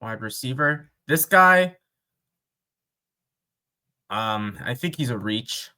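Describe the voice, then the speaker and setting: Male fan vlogger, unhurried delivery, bright tone, off-the-cuff. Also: mid-range voice, expressive. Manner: unscripted, thinking aloud with fillers and pauses. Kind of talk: casual mock draft commentary.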